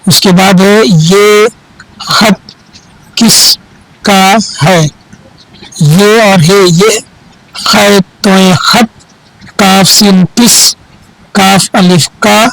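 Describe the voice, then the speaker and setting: A man teaching Urdu reading, slowly naming each letter and then repeating the word part by part. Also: high-pitched, smooth, rough recording. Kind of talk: spelling out Urdu letters and words.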